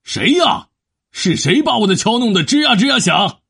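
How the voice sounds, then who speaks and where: A woman voicing a menacing, hungry male bridge troll in a storybook reading, with a gravelly, husky voice. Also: very animated, normal speed, fairly bright tone, no room sound, clean studio sound, exaggerated voice. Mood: gloating. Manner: booming, gloating, swooping pitch.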